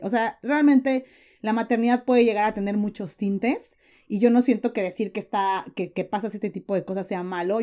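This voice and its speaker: Podcast guest: earnest young woman, mellow tone, emphatic delivery. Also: mid-range voice. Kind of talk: conversational interview.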